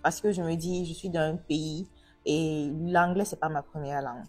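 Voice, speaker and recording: A woman's voice: sits low, fairly even intonation, normal speed, darkish tone, husky, soft background music. A woman from Africa hosting a casual interview, chatty and asking long, rambling questions. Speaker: host.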